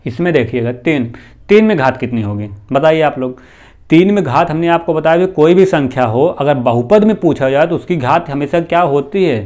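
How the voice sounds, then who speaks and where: Guy teaching math, keeps asking questions then answering them, slow, says "theek hai na" a lot, kinda high voice. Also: a little mellow. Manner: asks students questions and answers them himself; often adds "bhaiya" and "theek hai na". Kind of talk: classroom math lesson.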